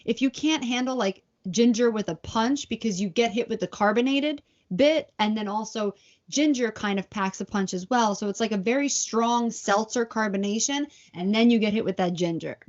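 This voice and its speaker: A woman's voice: a little high, normal speed. A woman co-hosting a casual podcast chat, telling stories with lots of giggles. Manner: giggly, chatty storytelling. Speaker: podcast co-host. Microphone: video call. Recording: dull lo-fi call audio.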